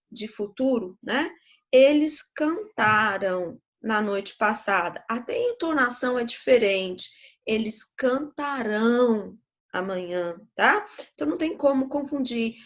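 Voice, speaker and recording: A woman's voice: a little high, fairly bright tone. A woman teacher with a Brazilian Portuguese accent, giving a grammar lesson to schoolchildren in a patient, explanatory way, often checking in with the class.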